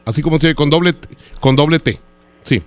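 A man's voice: on the high side, a little fast, faint music behind. A Mexican radio host making a prank phone call, teasing and flirty, drawing out his words.

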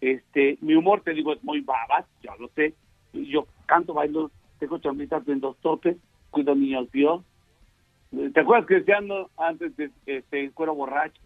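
A man's voice: fairly high pitch, normal speed, no room sound, soft background music. A man, a comedian, animatedly telling jokes and stories. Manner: animated storyteller, voices many characters. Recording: tinny phone line.

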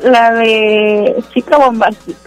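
A woman's voice: on the high side, fairly even intonation, slow, poor audio. A woman calling in to a radio show and answering briefly and shyly. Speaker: caller. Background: music.

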